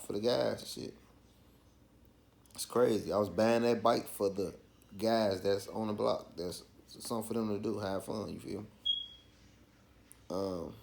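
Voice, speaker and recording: A vlogger with a Chicago accent tells a personal story in a lowish, gravelly, slightly mellow voice. His casual street slang is peppered with check-ins like "you feel me."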